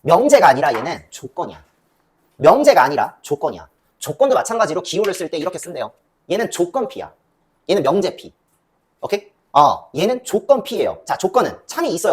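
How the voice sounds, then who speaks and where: Woman, math teacher, lecture, quite low voice, lively intonation, self-answered questions. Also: a little fast. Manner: lively, asks and answers her own questions. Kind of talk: classroom lecture.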